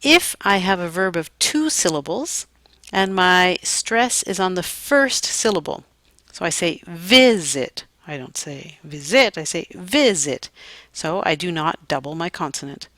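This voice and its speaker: A woman teaching English grammar at a slow, deliberate pace, her voice sitting a little low. The sound is dry and close, with no room around it. Now and then she slips in a deadpan aside. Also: no echo. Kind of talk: grammar lesson to students.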